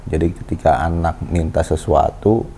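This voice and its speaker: A man in his thirties hosting a casual parenting chat with his wife, explaining in a calm, lecturing way. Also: a bass voice, moderate pace, creaky. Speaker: host. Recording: faint background noise.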